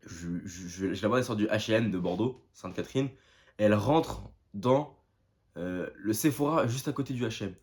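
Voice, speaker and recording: Young guy vlogging, fired up and slangy, lowish voice, chatting straight to his viewers. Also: fairly quick. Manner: excited, slangy, addresses viewers as guys. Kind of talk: casual storytelling vlog.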